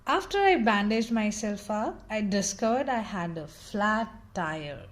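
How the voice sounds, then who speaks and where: A woman with a medium-pitched voice reads a children's picture book aloud. Her storytelling is expressive and dramatic, unhurried, with theatrical emphasis.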